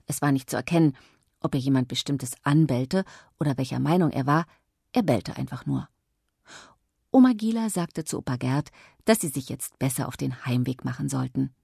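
Woman, children's audiobook narrator, low voice, husky, dry close sound. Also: normal speed, no room sound. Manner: calm, clear storytelling in first person.

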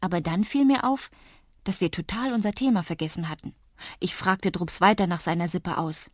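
A woman narrating a children's storybook in a warm, intimate way, close to the mic. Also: lowish voice, normal speed, no echo. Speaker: audiobook narrator.

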